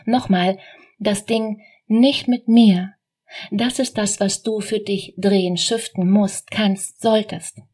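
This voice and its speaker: A woman's voice: medium pitch, fairly even intonation, slow pace, darkish tone, husky. A woman hosting a motivational business podcast, talking straight to the listener in a direct coaching manner full of rhetorical questions.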